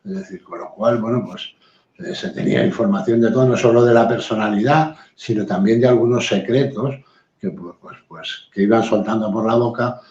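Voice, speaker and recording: A man's voice: fairly low pitch, moderate pace, darkish tone. A man, a guest in a live-stream talk, speaking bluntly and assertively with many hesitant fillers. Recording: roomy, dull lo-fi sound.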